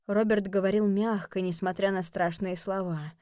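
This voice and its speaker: Woman reading a kids audiobook, even and clear, close mic, no room sound. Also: mid-range voice, moderate pace, no room sound. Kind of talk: scripted audiobook narration.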